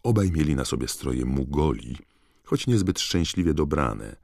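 A man reads a storybook in a measured, unhurried way. His voice is extremely low and gravelly, with fry at the ends of lines. The recording is close and dry. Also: big pitch swings, darkish tone, no room sound. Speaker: narrator. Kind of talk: audiobook narration.

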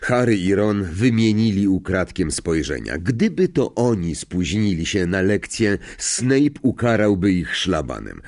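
A man reads a children's fantasy story aloud in a low voice. His pitch rises and falls a great deal, and he takes his time over each sentence. He reads with expression and gives the characters distinct voices. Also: sing-song, measured pace, hardly any pauses, darkish tone. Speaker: audiobook narrator. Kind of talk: scripted story narration.

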